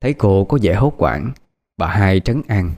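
A man narrating a ghost story audiobook in a steady, even way. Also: low-pitched, measured pace.

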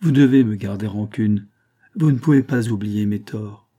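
A man's voice: fairly low pitch, normal speed, warm tone, natural voice. A man reading a feverish, moaning sick glassmaker. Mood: pleading. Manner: plaintive, moaning, pleading. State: feverish and in pain. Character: sick, self-pitying middle-aged male glassmaker.

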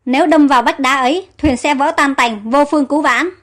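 A woman's voice: high-pitched, fairly quick, lightly acted. A woman reading as an anxious young prince. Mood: urgent.

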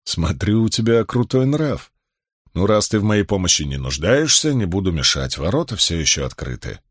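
A man voicing a calm, self-assured stranger warrior with a dry, curt manner. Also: low voice, moderate pace, dry recording. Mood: wry.

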